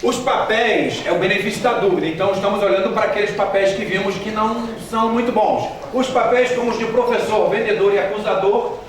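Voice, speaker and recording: Speaking quickly in a high voice with hardly any pauses, a male missionary delivers a church training talk to a live audience in a large hall. His talk is full of humorous anecdotes, jokes, and direct questions to the crowd. The echoey recording is captured from far away, and the audience is audible.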